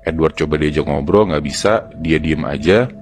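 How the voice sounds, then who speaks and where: Male podcast storyteller, Jakarta accent, deep voice, relaying horror tales casually and step by step. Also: moderate pace, slight background noise. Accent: Jakarta Indonesian. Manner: colloquial, step-by-step narration.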